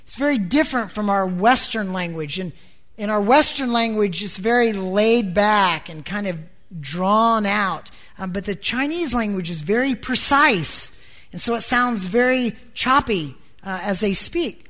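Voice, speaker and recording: A woman's voice: medium pitch, animated, unhurried, fairly bright tone. A woman preacher delivering a sermon emphatically, posing rhetorical questions to the congregation and repeating words as she builds each point.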